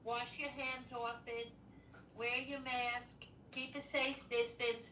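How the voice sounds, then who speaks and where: A woman's voice: fairly high pitch, flat delivery, slow, pushed and bright. Older New woman, roomy and distant. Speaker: co-host, host's mother. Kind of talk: casual chat. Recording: roomy, distant mic, faint noise.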